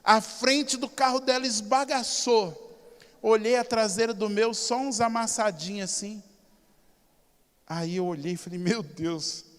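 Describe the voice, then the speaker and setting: A Brazilian pastor preaches with a high, emphatic voice, swinging from loud to soft as he tells stories. The sound hangs in a long, reverberant church hall. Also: measured pace, clear, resonant tone. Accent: Brazilian Portuguese. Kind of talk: sermon.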